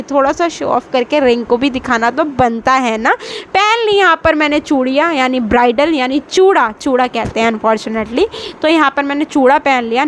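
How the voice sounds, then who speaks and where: A woman's voice: sits high, a bit bright. A woman beauty vlogger narrating a casual voice-over and chatting straight to her viewers.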